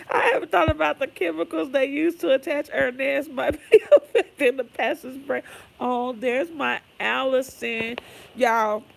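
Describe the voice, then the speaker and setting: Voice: high-pitched, vocal fry, a bit bright, slight background noise. A chatty livestream host who reads viewer comments aloud, laughs often, and drifts into gossipy tangents. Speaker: livestream host reading chat. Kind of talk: casual livestream chat.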